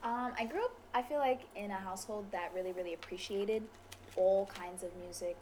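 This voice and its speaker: Woman, casual playful interview chat, normal pitch, bit of noise in the background. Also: brisk, a little mellow. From Queens, New York. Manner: informal, playful, frequent "like". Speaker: interview guest, musician.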